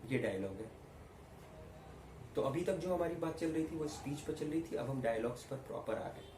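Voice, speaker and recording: A man's voice: a little high, expressive, moderate pace. A man teaching an online acting lesson in Hindi speech work, explaining stress on vowels and projecting his voice in demonstrations. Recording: roomy recording with faint ambient noise.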